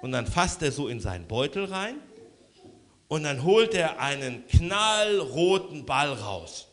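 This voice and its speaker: A man telling a children's story aloud, lively with hushed asides. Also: on the high side, takes it slowly.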